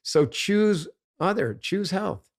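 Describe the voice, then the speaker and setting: A man's voice: high-pitched, lively intonation, takes it slowly, vocal fry. A man, a guest on a podcast interview, talking in an emphatic coaching tone and often asking "right?".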